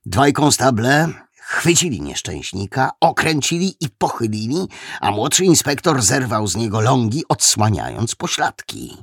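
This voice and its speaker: A man narrating an audiobook with an expressive reading that voices the characters. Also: mid-range voice, measured pace, creaky, husky, dry recording, studio quality.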